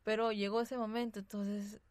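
Woman guest, soft and hesitant testimony, even flat tone, dry close sound. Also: mid-range voice, moderate pace, no echo. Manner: tags sentences with "así, ¿no?"; soft-spoken, hesitant storytelling. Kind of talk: personal testimony in a radio interview.

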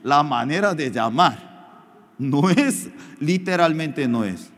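A man preaches with slow, deliberate pacing and a lively, swooping delivery, his slightly non-native phrasing giving the sermon a plain, earnest feel. His voice sits a little high for a man, and a long reverb trails every phrase as if it were recorded in a church hall. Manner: animated, emphatic preaching with storytelling asides. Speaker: pastor.

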